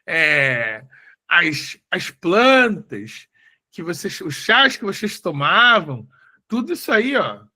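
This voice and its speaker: A man's voice: sits high, big pitch swings, slow, bright, forceful tone. A man from Rio de Janeiro with a Carioca accent, a professor telling a story during a lecture, who often restarts his sentences. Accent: Carioca Brazilian Portuguese. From Rio de Janeiro, Brazil.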